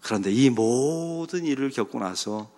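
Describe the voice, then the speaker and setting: A middle-aged male pastor preaching a sermon, swinging dramatically between loud exclamations and hushed, pleading passages. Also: medium pitch, lively intonation, a little slow. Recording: long reverb of a church hall.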